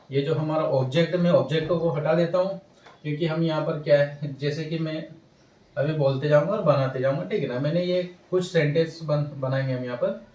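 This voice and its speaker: A man with a fairly high voice teaches a language lesson and keeps checking that his listeners follow along. He poses questions and answers them himself, speaking some way off the mic in an echoey room. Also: mellow. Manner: repetitive, checks in with "ठीक है ना" often. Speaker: English teacher. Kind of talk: classroom-style language lesson. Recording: roomy echo, mic set at a distance.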